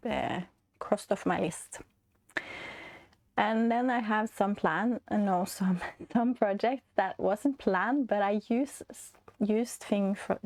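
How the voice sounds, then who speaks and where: A Norwegian woman in her forties with a stuffy, congested voice, chatting casually as a knitting vlog host, hesitant with many fillers and soft laughs. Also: mid-range voice, no echo. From Norway. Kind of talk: casual chat.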